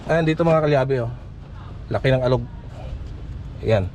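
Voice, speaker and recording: Man, mid-pitched, mechanic vlogger, fragmented working remarks, casual, vehicle noise behind. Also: normal speed. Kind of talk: casual hands-on repair commentary. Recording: noisy, vehicle sounds behind.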